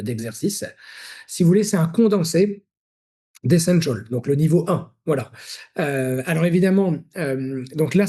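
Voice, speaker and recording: A man's voice: a little high, warm tone. A middle-aged man presenting his negotiation training programs in a live webinar, explaining at length and answering his own rhetorical questions. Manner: explanatory, frequent fillers and restarts, rhetorical questions.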